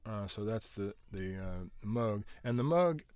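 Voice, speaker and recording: A man's voice: fairly low pitch, lively intonation, normal speed, a little mellow, clean tone, dry recording. A man casually walking through how he produced a song, rambling with lots of filler words and restarts. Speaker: music producer.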